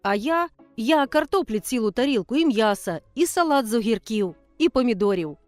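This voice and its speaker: A woman's voice: a little high, animated, moderate pace, darkish tone, no room sound, soft background music, close to an everyday voice. A woman voicing a hungry village boy who insistently bargains over food with his friend.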